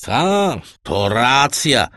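A man's voice: medium pitch, sing-song, very slow, pushed and bright, dry recording, pitched above the performer's own voice, full character voice. A man voicing a blunt, simple young sailor who speaks frankly and eagerly.

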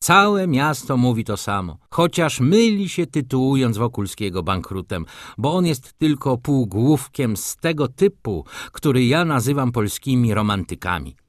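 A man's voice: medium pitch, sing-song, measured pace, few pauses, no room sound, studio quality. A man voicing a brusque, sardonic middle-aged doctor in an audiobook, scolding and ironic.

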